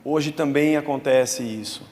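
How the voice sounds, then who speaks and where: A Brazilian pastor preaches a conversational sermon in church, blending Scripture with casual slang in a Brazilian Portuguese accent. His medium-pitched voice is darkish and measured, with a little hiss or hum and long church reverb.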